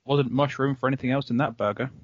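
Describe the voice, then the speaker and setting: A man's voice: mid-range voice, steady tone, fast talker, dull audio. A man co-hosting a podcast, joking and punning in casual chat. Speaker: podcast co-host.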